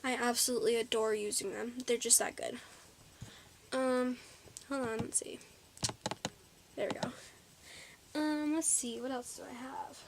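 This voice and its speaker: A woman's voice: on the high side, steady tone, a little slow, long pauses, slight background noise. A teenage girl chatting in a casual haul vlog, bubbly and a little out of breath, with lots of ums and likes. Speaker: vlogger.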